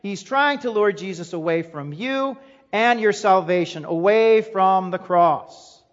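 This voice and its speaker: High-voiced male pastor in a reverberant hall. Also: measured pace. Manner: emphatic, uses rhetorical questions and a repeated refrain. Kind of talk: sermon. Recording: echoey hall, dull lo-fi sound.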